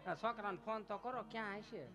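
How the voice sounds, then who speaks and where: A man's voice: high voice, steady tone, brisk, sharp tone. A man doing a fussy village mother-in-law. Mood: fussing. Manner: fussing, scolding.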